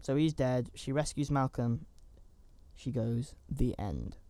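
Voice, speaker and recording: A man's voice: mid-range voice, fairly even intonation, takes it slowly, mellow, no echo. A man giving a casual, rambling recap of a horror movie, with chatty asides and fillers. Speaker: film reviewer.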